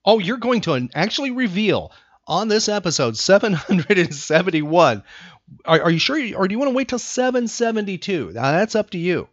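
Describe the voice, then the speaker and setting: His voice sits high with big pitch swings as an American podcast host talks fairly quickly on a casual talk show, emphatic and repeating phrases for effect. The studio recording is dry, slightly dull lo-fi.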